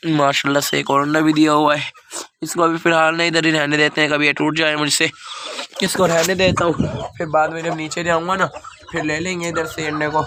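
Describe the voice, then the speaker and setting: In his vlog, a young man with a Pakistani Urdu accent rambles casually to viewers about feeling feverish and sick while feeding birds at an outdoor rooftop enclosure. His slightly high voice comes with background noise and the clucking of chickens and birds.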